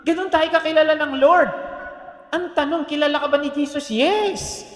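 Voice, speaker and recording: A man with a Filipino accent preaching a sermon as pastor, animated and joking, often asking the congregation questions. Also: very high voice, moderate pace, soft background music. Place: church hall. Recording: echoey hall reverb.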